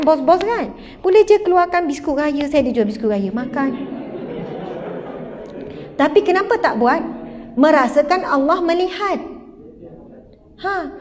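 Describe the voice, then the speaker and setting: A middle-aged woman with a Malaysian Malay accent giving an animated religious talk, acting out scenes from family life. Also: high-pitched. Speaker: religious teacher. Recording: dull hall recording, faint noise.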